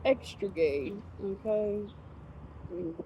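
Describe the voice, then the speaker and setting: A woman's voice: medium pitch, takes it slowly, noisy background. A woman vlogger chatting casually to camera while eating outdoors, with a frank, profane, laughing way of ranting.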